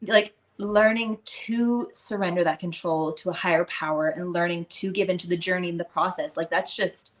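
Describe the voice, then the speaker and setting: A woman's voice: fairly low pitch, steady tone, moderate pace, hardly any pauses. Woman cohost chatting casually, reflective, says like a lot. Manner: chatty and reflective, with many "like" fillers. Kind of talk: casual conversation.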